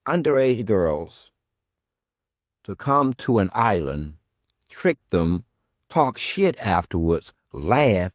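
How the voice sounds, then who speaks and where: A man's voice: low voice, no echo, clean studio sound. A male podcast host delivering a confrontational monologue at an absent guest. He is sarcastic and profane, and he keeps circling back to his questions.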